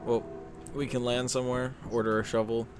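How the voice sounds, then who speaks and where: A man's voice: medium pitch, little pitch movement, brisk, music in the background. A man playing a horror game with a friend in casual chat, swearing and exclaiming like a scared streamer. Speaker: video game player.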